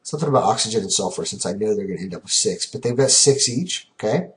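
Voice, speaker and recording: The chemistry teacher here, a man with a voice on the low side, runs his recorded lesson casually, counting slowly out loud and frequently saying "okay?" to check in.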